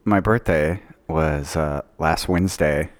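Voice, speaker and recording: A man's voice: a bass voice, takes it slowly. A man co-hosting a podcast, telling rambling stories in casual chat and laughing often. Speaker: podcast co-host.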